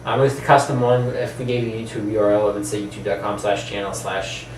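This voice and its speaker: Hosting a channel on films and games, this man talks fast in a lowish, steady voice. His casual chat wanders informally and now and then trails off, picked up by a distant mic in an echoey room with faint background noise.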